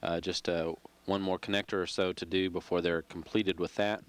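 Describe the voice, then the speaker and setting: A man giving live space mission commentary from mission control in a measured, halting, informative way. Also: sits low, little pitch movement.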